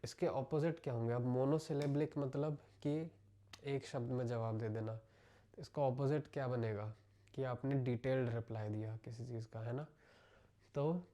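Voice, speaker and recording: A man with an Indian accent teaching English vocabulary, explaining each word slowly and repeating it in Hindi. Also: medium pitch, warm tone. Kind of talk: vocabulary lesson.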